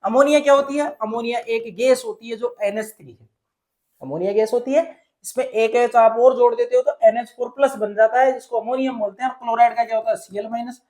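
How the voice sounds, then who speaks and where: A man's voice: extremely high pitch, steady tone, a little fast, darkish tone. A male teacher from Rajasthan explaining a chemistry lesson step by step, often asking a question and then answering it himself. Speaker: science teacher.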